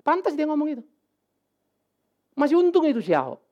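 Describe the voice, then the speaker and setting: A male pastor preaching a sermon in a casual, animated way, with sudden loud outbursts and English words mixed in. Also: very high-pitched, fairly quick. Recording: dull lo-fi sermon recording.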